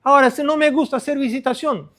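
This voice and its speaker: A middle-aged pastor preaching a sermon to other pastors, earnest and repetitive, stressing short phrases. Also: male voice, very high-pitched, fairly even intonation, fast talker, bright, forceful tone.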